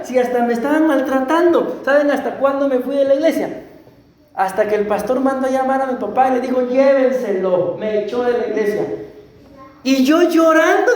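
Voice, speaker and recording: Costa Rican pastor preaching in an echoey church. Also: male voice, very high-pitched, a little mellow. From Costa Rica. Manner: conversational, clears throat often, asks the congregation questions. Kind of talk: sermon with personal testimony. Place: church sanctuary.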